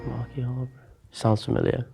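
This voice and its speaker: Flat, gravelly fast-talking man. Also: mid-range voice, soft background music. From Leicester, UK. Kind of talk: casual group chat.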